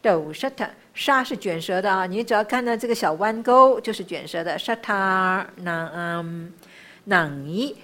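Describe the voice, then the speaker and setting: Woman, pronunciation teacher; slow syllable-by-syllable drilling, patient repetition, brisk asides. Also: mid-range voice, lively intonation, a bit bright. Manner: slowly drills syllables one by one, then explains briskly; patient, repeats sounds many times. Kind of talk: pronunciation lesson.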